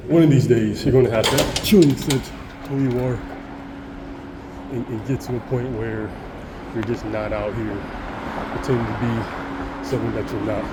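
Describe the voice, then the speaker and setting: Speaking to camera in a very noisy setting, a deep-voiced man vlogs in an earnest, rambling monologue, frequently restarting and stammering.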